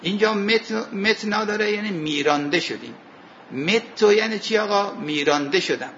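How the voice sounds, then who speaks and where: Man teaching a high-voiced grammar lesson. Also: lively intonation, fairly bright tone, dull audio, a little hiss or hum. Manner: explanatory, poses questions to students and answers them; recites Arabic verses slowly. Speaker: religious studies teacher. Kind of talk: seminary lecture on Arabic grammar and scripture.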